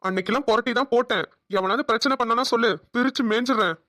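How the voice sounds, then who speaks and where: A woman's voice: fairly high pitch, fast talker, fairly bright tone, no room sound, studio quality, natural voice. A woman voicing a protective young husband in a cartoon, teasing his wife with affectionate ribbing. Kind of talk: cartoon voice acting.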